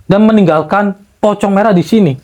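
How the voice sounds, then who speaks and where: A man leading a paranormal team, calmly mediating and often saying short Islamic invocations. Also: high voice, brisk. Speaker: host, paranormal team leader.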